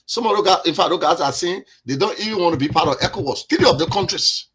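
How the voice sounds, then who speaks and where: Husky-voiced Liberian man. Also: a little high, expressive, quick pace, fairly bright tone. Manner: earnest, repeats words while building his point. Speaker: podcast guest. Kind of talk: discussion podcast.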